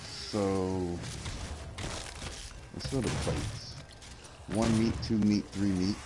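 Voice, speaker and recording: A man's voice: lowish voice, steady tone, extremely slow. A man chatting while gaming, rambling through a food menu and swearing freely. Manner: rambling, reads menus aloud, swears a lot. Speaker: streamer. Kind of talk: casual gaming chat. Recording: noisy voice chat line.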